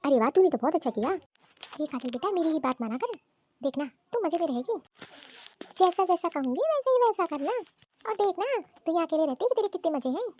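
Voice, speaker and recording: Bossy, scheming older mother in a cartoon story, doling out gossiping advice, as a woman puts her on. The voice is high yet mellow. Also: animated, quick pace.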